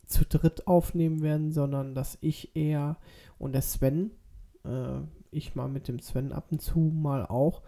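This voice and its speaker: A man's voice: a little high, fairly even intonation, a little slow, mellow. A man with a stuffy nose from a cold, talking casually and hesitantly as a solo podcast host.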